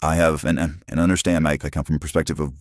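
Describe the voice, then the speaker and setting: Here a male channel host from Arizona, aged in his forties, talks fast and in a level tone through a voice changer that drops his pitch very deep. He rambles loosely into a phone with frequent restarts, on a studio-quality track with no room sound.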